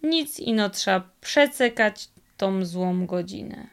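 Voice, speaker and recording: A woman voicing a cunning old highland fiddler who speaks in a slow, drawling Podhale dialect. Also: expressive, clear, resonant tone. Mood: uneasy musing. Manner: slow, drawling folksy speech.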